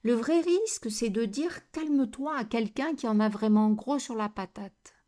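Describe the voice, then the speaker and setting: Woman, conflict coach, slow deliberate delivery, rhetorical questions, fairly high voice. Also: expressive, dark tone. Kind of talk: educational talk to camera.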